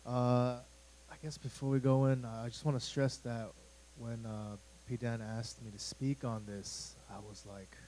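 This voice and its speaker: Rambling youth pastor, mellow voice. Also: male voice, medium pitch, level tone, unhurried, a little hiss or hum, poor audio. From United States. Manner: rambling, conversational, lots of fillers and asides. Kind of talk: casual sermon talk to a youth group. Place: church room.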